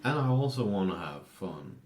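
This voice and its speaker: A man's voice: low-pitched, sing-song, moderate pace, a little mellow, reverberant. A man co-hosting a podcast in casual banter, mostly agreeing and tossing in wry jokes. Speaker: podcast co-host.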